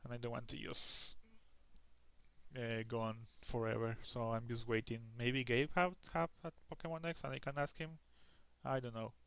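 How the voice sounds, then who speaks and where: A man's voice: mid-range voice, fairly even intonation, moderate pace, gravelly, a bit bright, smooth, no echo. A young man giving casual gameplay commentary, rambling and tired, with lots of restarts and the odd curse word. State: tired, yawning. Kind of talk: casual let's play commentary.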